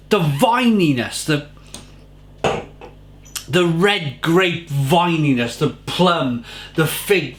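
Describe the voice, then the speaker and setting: Guy doing a chatty beer review, really gushing and repeating himself, talks slow, voice a bit high. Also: a bit bright. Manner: effusive, repeats phrases for emphasis. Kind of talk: casual beer tasting review to camera.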